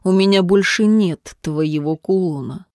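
A woman voicing a cocky young man from the slums who speaks quietly, curtly and with dead calm, in an audiobook reading. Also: lowish voice, measured pace, dry recording, studio quality, lightly acted. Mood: cold.

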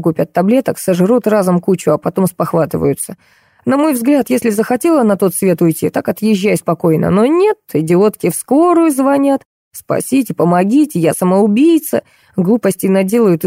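A woman voicing a gruff, scornful middle-aged hospital nurse who rants bluntly and with contempt. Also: medium pitch, dark tone, dry recording, studio quality, close to an everyday voice.

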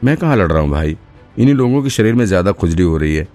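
A man's voice: sits low, expressive, fast talker, warm tone, faint music behind, voice pushed up. A man voicing a swaggering male detective in an audiobook, taunting his rivals with laughing threats. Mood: dismissive.

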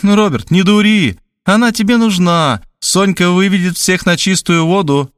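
A man's voice: high voice, normal speed, clear, resonant tone, no room sound, clean studio sound, voice pushed up, close to an everyday voice. A male reader voicing a pushy, meddling middle-aged woman who plays matchmaker, in a playful and insistent tone.

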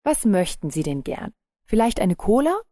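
A woman voicing a resolute kiosk owner in her fifties, firm, steady and controlled. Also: medium pitch, normal speed, dry recording, studio quality. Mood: soothing.

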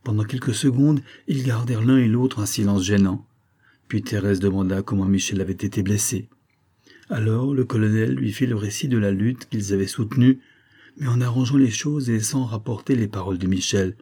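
A man reading a novel aloud in steady, measured narration. His voice sits low and husky, with a dark, mellow tone. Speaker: audiobook reader.

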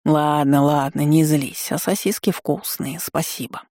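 A narrator voicing a cheeky male talking cat who mutters in a low, smug, condescending way in an audiobook. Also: steady tone, a little slow, a little mellow, dry recording, studio quality, close to an everyday voice. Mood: placating.

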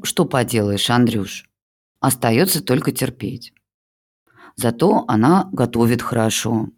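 This audiobook reader, in a mid-range voice, performs a melodramatic older mother. The character puts on a pitiful-old-woman act and flatters her son-in-law in an over-the-top, gushing way.

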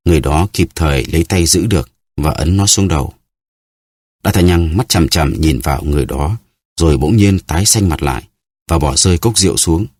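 Deep-voiced male audiobook narrator. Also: fairly quick, no room sound, clean studio sound. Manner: steady storytelling. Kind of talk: scripted narration.

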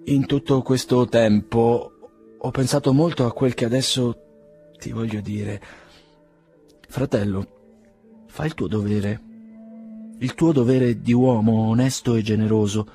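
A man voicing a proud, ailing aristocrat nearly fifty, speaking in a measured, solemn, quiet way. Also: mid-range voice, fairly even intonation, faint music behind, natural voice.

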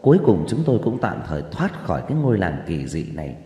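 Low-voiced man telling a horror story. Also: big pitch swings, mellow. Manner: suspenseful, drawn-out pauses. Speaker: audiobook narrator. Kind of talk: scripted horror story narration. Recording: echoey reverb with background music.

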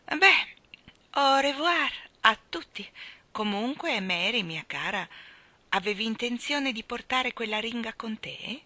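A woman's voice: fairly high pitch, expressive, slow, bright, forceful tone, no echo, pitched above the performer's own voice, full character voice. A woman voicing Amelia, a gushing dolphin hostess. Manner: gushing, sing-song and eager. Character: toothy, chatty female dolphin hostess.

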